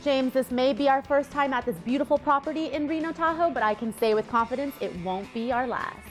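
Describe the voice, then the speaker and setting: A woman commentating a televised poker final table, giving upbeat, clear play-by-play. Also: sits high, brisk, soft background music.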